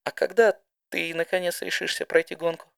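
A man's voice: fairly high pitch, little pitch movement, normal speed, creaky, a bit bright, smooth, no echo, studio quality, pitched above the performer's own voice. A man voicing a confident veteran flier mare with a laid-back, teasing manner. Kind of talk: fan audiobook voice acting.

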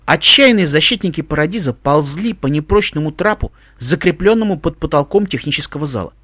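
A man narrating a fan fiction story with expressive, dramatic storytelling. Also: on the high side, brisk, dry recording, studio quality. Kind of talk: audiobook fan fiction reading.

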